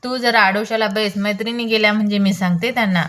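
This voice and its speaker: A woman's voice: mid-range voice, steady tone, fast, fairly bright tone, natural voice. A woman reading the lines of a cautious young palace maid, wary and questioning.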